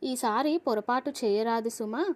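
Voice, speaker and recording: A woman's voice: fairly high pitch, a little slow, close to an everyday voice. A woman doing a stern water king. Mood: commanding. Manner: commanding, warning. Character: stern but kind male water king.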